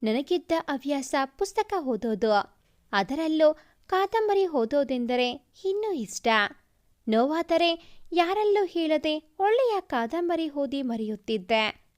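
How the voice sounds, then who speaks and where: A woman's voice: high voice, very animated, slow pace, darkish tone. A woman narrating a love story in the first person.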